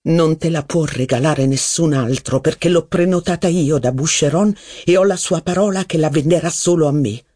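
A man voicing a jealous, gloomy young aristocratic officer in an audiobook, speaking slowly. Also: fairly high pitch, mellow, no room sound, clean studio sound, close to an everyday voice. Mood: pleading. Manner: slow, brooding, pleading. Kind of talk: audiobook character voice.

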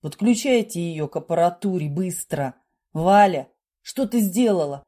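A woman reading an audiobook, voicing a male surgeon who barks curt orders in a lowered voice. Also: animated, measured pace, dark tone. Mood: shouting. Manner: barking orders, harsh and curt. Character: male surgeon, commanding, panicked under pressure.

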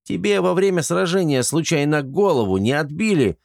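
A man's voice: a little high, expressive, moderate pace, vocal fry, a little mellow, dry recording, studio quality, pitched above the performer's own voice. Man doing a brusque, irritable young lord. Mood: exasperated. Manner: brusque, exasperated, commanding. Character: irritable young lord commanding his men.

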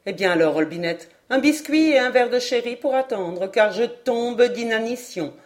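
A chatty, effusive gentleman traveler, read by a woman, who pours out words and hops from topic to topic with eager, raised energy. His voice rides a little louder than the narration around it, in an audiobook reading. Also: a little high, expressive, normal speed, natural voice. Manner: voluble, effusive, jumps between topics. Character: talkative, excitable male foreign traveler.

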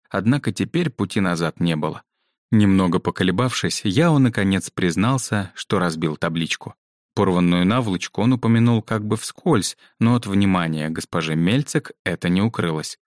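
A man narrating a children's book aloud in an expressive way, giving each character a voice. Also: low-pitched, moderate pace, dry recording, clean studio sound. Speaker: audiobook narrator.

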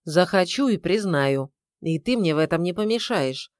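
A woman's voice: fairly low pitch, lively intonation, normal speed, darkish tone, dry recording, studio quality, close to an everyday voice. A woman voicing a sarcastic, irritable middle-aged husband who grumbles. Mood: irritated.

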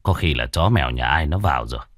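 A man's voice: extremely low pitch, animated, fast talker, fairly bright tone, no room sound, clean studio sound, voice pushed down, heavily acted. A man voicing a stern, matter-of-fact middle-aged village father for an audio ghost story.

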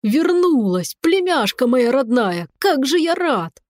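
A woman voicing a hysterical talking tomcat uncle who wails and pleads in a slow, high, drawn-out voice. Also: very animated, a little mellow, dry recording, heavily acted. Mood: overjoyed.

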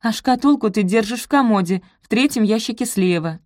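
A woman's voice: a little high, expressive, fairly quick, darkish tone, no room sound, studio quality, voice pushed up, natural voice. A woman voicing a plump, theatrical young woman who exclaims her lines with dramatic fervor. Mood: insistent.

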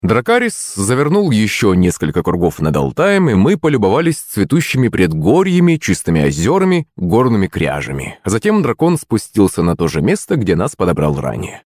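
A man narrating a first-person fantasy audiobook in a wry, expressive storytelling manner. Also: fairly low pitch, normal speed, few pauses, no echo, studio quality.

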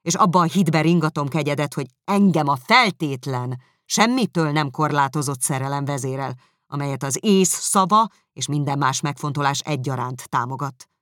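Brief: narrator as haughty young gentleman, cool and measured, dry close sound. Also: mid-range voice, no echo, lightly acted. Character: proud cold young gentleman. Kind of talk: audiobook character reading.

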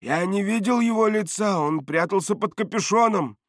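A man's voice: sits high, normal speed, no echo, clean studio sound, pitched above the performer's own voice, lightly acted. A man voicing a jittery, shifty male dealer who whines and pleads in a raised voice. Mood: pleading.

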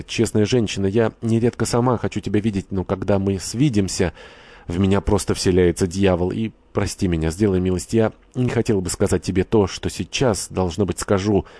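A man's voice: low voice, mellow, no room sound. A man reading the part of a desperate young woman who speaks in pained, vengeful outbursts.

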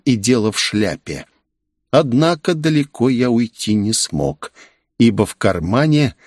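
A man narrating a first-person audiobook in a calm, sly manner. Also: lowish voice, dry recording, clean studio sound.

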